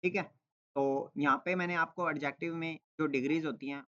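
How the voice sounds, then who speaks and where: A man's voice: on the high side, fairly even intonation, normal speed, a bit bright, muffled recording. A man teaching English grammar in a classroom-style lesson, explaining step by step and checking in with his listeners as he goes. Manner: explains step by step, repeats "ठीक है" and asks rhetorical "क्या" questions.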